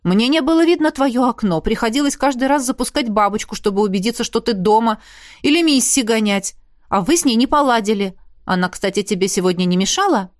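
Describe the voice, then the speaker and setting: A woman voicing a calm, playful grown man, a rector who teases and coaxes in a soft, lowered voice. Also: fairly quick, dry recording, clean studio sound, natural voice. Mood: teasing. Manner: soft, lowered, easygoing and coaxing.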